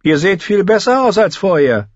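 Cruel teenage boy king, read by a man: high, loud, sneering, commanding; dry storybook narration. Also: very animated, normal speed, dry recording, lo-fi sound. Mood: sneering, bullying.

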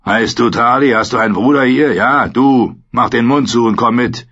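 A man doing a gruff, barking old commander. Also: mid-range voice, normal speed, fairly bright tone, dull audio, natural voice.

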